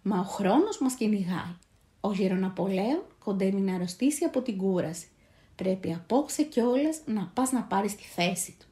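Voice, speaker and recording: A woman's voice: mid-range voice, lively intonation, dark tone, natural voice. A woman speaking as a group of proud, kindly teachers in a storybook tale, with an urgent tone. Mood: proud urging.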